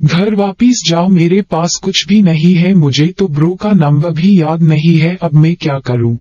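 A man's voice: fairly high pitch, measured pace, dark tone, no echo. A man voicing a brash young woman who flips between whiny pleading and cocky street slang, on a dull lo-fi recording. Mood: tearful.

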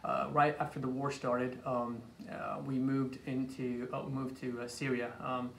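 Recorded on a phone camera several feet off in a small, echoey office, the sound is distant with faint noise. The speaker, a chiropractor from Iraq in his late 20s, is being introduced and shares his story informally, stumbling and repeating himself. His voice is mid-range and creaky, barely moving in pitch.

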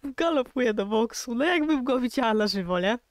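A woman's voice: fairly high pitch, animated, normal speed, dry recording, clean studio sound. A young woman with a Polish accent giving casual gameplay commentary, chatty and exasperated, talking straight to her viewers. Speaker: gaming YouTuber.

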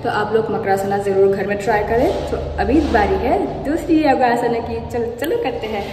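A woman's voice: a little high, normal speed, far from the mic, over music. A woman in her twenties giving casual yoga instruction in a vlog, with the echo of a big empty room. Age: 20s. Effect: echo of a large empty room. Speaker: yoga vlogger demonstrating poses. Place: large sparsely furnished indoor hall. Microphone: phone or camera at arm's length or slightly further. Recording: echoey big room, background noise.

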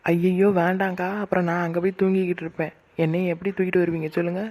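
A woman's voice: on the low side, little pitch movement, fast talker, darkish tone, natural voice. A woman voicing a playful, soothing young aunt in a cartoon.

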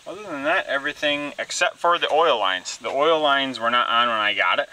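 A man's voice: mid-range voice, expressive, fairly quick, sharp tone, rough recording. A man casually narrating his own repair work in a laid-back, rambling way, with fillers as he goes. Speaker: DIY mechanic vlogger. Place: garage and backyard, indoors and outdoors.

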